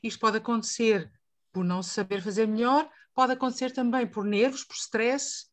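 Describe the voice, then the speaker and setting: Woman voice teacher from Portugal with a European Portuguese accent, moderating a panel. Expressive, questions the group, sits a little high. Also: moderate pace, a little hiss or hum. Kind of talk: panel discussion.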